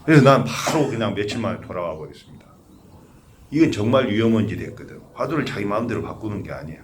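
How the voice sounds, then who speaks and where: A man's voice: lowish voice, animated, fast, slight background noise. An older man, a Buddhist monk, giving a conversational sermon that asks the audience questions and tells humorous stories. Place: temple memorial service.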